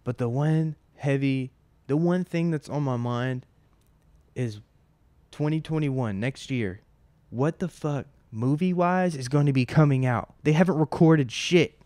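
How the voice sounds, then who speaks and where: Smooth-voiced young man rambling casually. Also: mid-range voice, unhurried, dark tone, no room sound. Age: 20s. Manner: rambling and loose, heavy on "like" and casual swearing. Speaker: podcast host. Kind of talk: casual solo podcast monologue.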